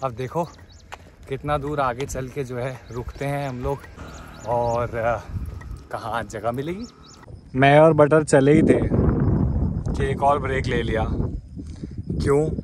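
A walking travel vlogger chats casually to camera as he heads along a roadside outdoors, addressing his viewers as brothers and guys. His mid-range voice is fairly even and slow, with long pauses, and background noise is audible.

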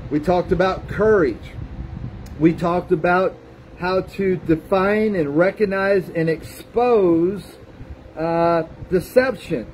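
High-voiced male pastor preaching. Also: darkish tone, slight background noise, low-quality recording. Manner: folksy preaching, frequent "amen" call-outs, some restarts. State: has the hiccups. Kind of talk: sermon.

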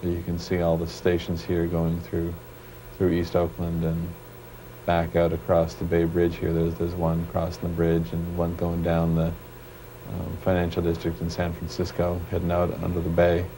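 A man from Canada, a programmer being interviewed, talking in a halting way and searching for his words, heard on a worn VHS tape copy. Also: sits low, monotone. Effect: worn VHS tape copy with faint hiss. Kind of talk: casual interview talk. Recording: worn tape with faint hiss.

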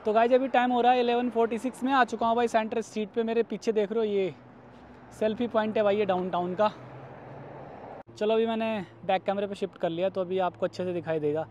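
A man's voice: high-pitched, steady tone, quick pace, darkish tone, lo-fi sound, a little hiss or hum. Chatty man vlogging on city streets. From India. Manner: chatty, addresses viewers as guys and brother. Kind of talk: casual vlog narration. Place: outdoors on city streets at night. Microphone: phone held at arm's length.

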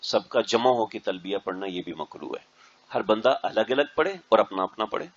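A man, a mufti, giving an instructional religious talk to a group of pilgrims and often checking that they understand. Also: fairly low pitch. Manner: keeps checking the audience understands. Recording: dull lo-fi recording.

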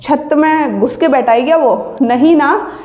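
A woman teaching grammar in an exam-prep lesson, with a high voice that takes its time over each example sentence. Her explanations are patient and end with a quick check that students follow. The recording carries a noticeable room echo. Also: a little mellow.

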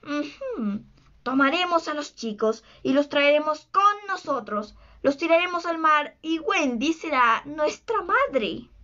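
A woman voicing a blustering, scheming male pirate captain, in a slow, theatrical, exclaiming way. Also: high-pitched, lively intonation, sharp tone, muffled recording, exaggerated voice.

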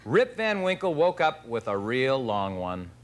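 Lively male game show host. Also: medium pitch, faint music behind. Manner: lively, playful, quick banter. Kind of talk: upbeat game show hosting. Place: TV studio with live audience.

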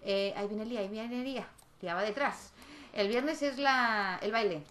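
A woman's voice: fairly high pitch, normal speed, a bit bright. A woman giving casual let's-play commentary, chatting to her game characters and checking in with viewers. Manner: chatty, talks to her game characters, frequent tag questions. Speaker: gaming YouTuber.

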